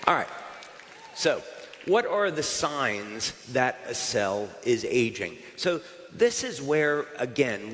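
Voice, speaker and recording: Speaking from the stage at a company event, an American man keeps his live presentation upbeat and chatty, though filled with fillers and restarts. His voice is medium-pitched and a bit bright, echoing through a reverberant hall.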